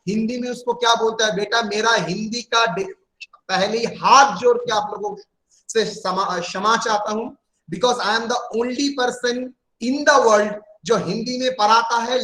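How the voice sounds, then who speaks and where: High-voiced man teaching in an echoey room. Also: pushed and bright. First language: Bengali. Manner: repeats definitions slowly, calls students "beta". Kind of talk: classroom accounting lesson.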